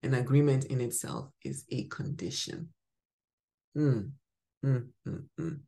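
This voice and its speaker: A Ghanaian woman hosts a podcast and delivers a spoken devotional teaching, emphatic, swinging from bright exclamations to soft murmurs. She has a bass voice with fairly even intonation, a measured pace, and a creaky quality.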